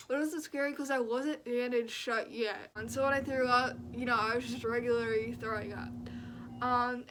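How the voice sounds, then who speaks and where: A woman's voice: on the high side, a bit bright. A young woman vlogging casually about her own experience, talking in a blunt, slangy way peppered with "like". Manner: blunt, slangy, frequent "like" filler. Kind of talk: casual personal vlog recounting.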